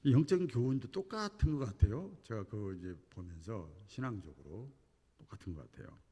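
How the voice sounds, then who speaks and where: A man preaching a sermon as pastor, telling a story animatedly and moving between hushed and emphatic delivery. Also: on the low side, lively intonation, a little fast, breathy edge, big-room sound. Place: church sanctuary.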